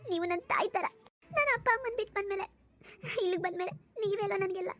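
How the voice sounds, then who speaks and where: A woman's voice: extremely high pitch, expressive, quick pace, fairly bright tone. A woman voicing a tearful young pregnant wife. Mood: grateful. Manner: sobbing, pleading. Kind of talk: cartoon dubbing.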